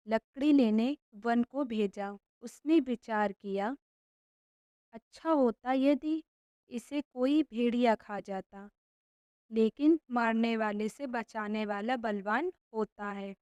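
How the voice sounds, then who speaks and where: Slow, mellow woman storyteller. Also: on the high side, no echo. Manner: formal, measured reading. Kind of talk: scripted narration of a moral fairy tale.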